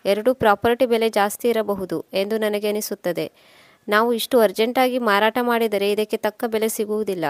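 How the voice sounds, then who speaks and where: A woman's voice: medium pitch, steady tone, normal speed, no echo, close to an everyday voice. Woman reading as a stubborn young guy in a story, pushy and impatient, dry close sound. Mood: matter-of-fact. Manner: insistent, impatient arguing. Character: stubborn ambitious young man leaving his village.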